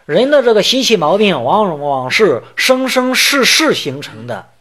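Husky high-voiced man giving a sutra lecture. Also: big pitch swings, fairly bright tone. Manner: explains terms point by point, chants verse lines slowly. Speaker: Buddhist teacher.

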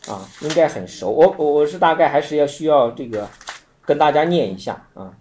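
Lively male Buddhist teacher. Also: on the high side, brisk. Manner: animated storytelling with frequent repetitions and acted-out quotes. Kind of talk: informal Buddhist teaching talk.

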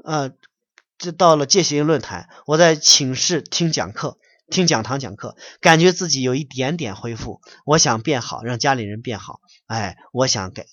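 A man's voice: mid-range voice, lively intonation, normal speed, fairly bright tone, no echo. A man preaching as a Buddhist lecturer, reading out a letter and scolding his listeners in blunt, colloquial talk. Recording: dull, muffled dry recording.

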